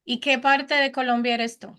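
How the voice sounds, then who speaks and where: A woman's voice: high-pitched, little pitch movement, moderate pace, pushed and bright, clean tone. A woman hosting an interview podcast, chatty and informal, asking rambling stacked questions. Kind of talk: casual interview.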